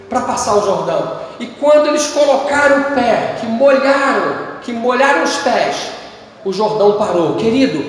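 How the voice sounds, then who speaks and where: A man with a Brazilian Portuguese accent preaching a sermon as pastor, retelling scripture stories and acting out the dialogue, swinging between loud bursts and low tones. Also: slight background noise. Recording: echoey church hall.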